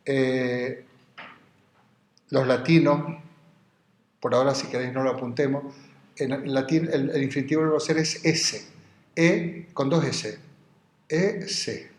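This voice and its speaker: A man lectures on philosophy at a university, his ordinary mid-pitched voice echoing noticeably around the classroom. He is digressive, slowing down to explain Greek terms and spelling words out.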